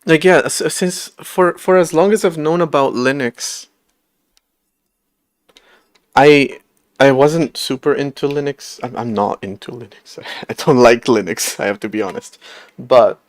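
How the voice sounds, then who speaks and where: Medium in pitch and measured in pace, with no echo, a man in his late twenties streams his work coding an operating system from home. He chats casually, wanders off on tangents, runs himself down, and laughs frequently.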